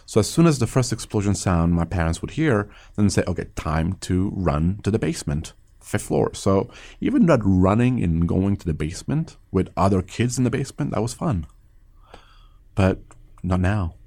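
A man in his late thirties from Afghanistan tells his story with frequent pauses and restarts. His voice sits fairly low and sounds dark and mellow, and he speaks as a guest looking back on his life. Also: very animated. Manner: measured, many hesitations and restarts. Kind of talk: reflective interview storytelling.

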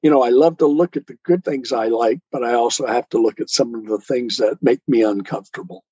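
Speaking a little fast, a man with a mid-range, dark, slightly rough voice answers as an interview guest; he is a poet and author whose replies are conversational, earnest, and explanatory. The recording is dry, lo-fi, and dull.

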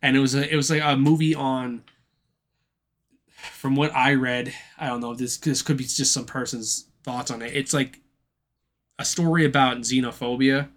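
A man's voice: medium pitch, steady tone, normal speed, a little hiss or hum. A man co-hosting a casual podcast, giving a loose, profane recap of a film's plot. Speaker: podcast co-host. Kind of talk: casual chat.

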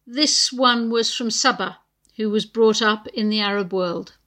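A woman's voice: on the high side, measured pace, bright, forceful tone. A woman hosting a podcast, introducing recorded clips in a reflective, conversational way. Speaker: podcast host.

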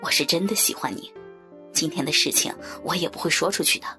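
A woman voicing a flustered young man who murmurs apologies in a low, half-whispered voice. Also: a little fast, sharp tone, soft background music. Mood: coaxing.

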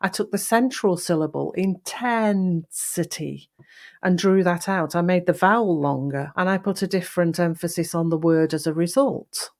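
A woman hosting a voice-coaching podcast, speaking deliberately and demonstrating emphasis and changes of pace. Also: lowish voice, darkish tone. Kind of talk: instructional podcast talk.

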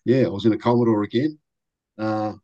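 An older man talks in a low, relaxed voice as he tells racing stories on a podcast. He jumps into quoted voices now and then and keeps the tone casual and chatty. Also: a little fast, dull audio. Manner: animated anecdotes with quoted voices. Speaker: racing driver guest. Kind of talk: casual storytelling interview.

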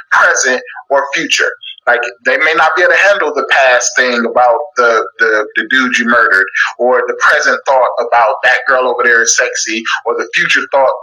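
Bright-voiced man hosting a chatty talk show. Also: medium pitch, poor audio. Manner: quick, joking, conversational. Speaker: podcast host. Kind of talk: casual chat.

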